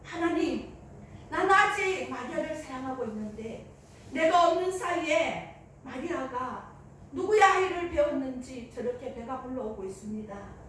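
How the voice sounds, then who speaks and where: A woman's voice: sits high, expressive, normal speed, fairly bright tone, far from the mic, slight background noise. A woman preacher voicing Joseph, a young man praying earnestly in anguish, in an echoey church hall. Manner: pleading, earnest prayer.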